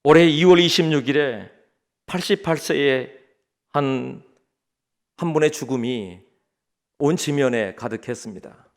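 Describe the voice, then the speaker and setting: A middle-aged man preaching a sermon as pastor, telling stories dramatically and swinging between loud pleas and hushed asides. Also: medium pitch, measured pace, long pauses.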